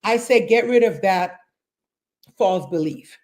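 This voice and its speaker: A woman's voice: mid-range voice, takes it slowly, darkish tone. A woman in her sixties, a fitness and nutrition coach, speaking emphatically as an interview guest and repeating phrases to drive points home. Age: 60s.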